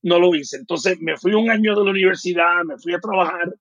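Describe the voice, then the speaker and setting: A Puerto Rican man in his fifties with a notably high, husky voice, telling his story as an interview guest in an animated, detailed way. His Puerto Rican Spanish accent comes through on a dry, somewhat muffled recording. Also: brisk, no room sound. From Puerto Rico.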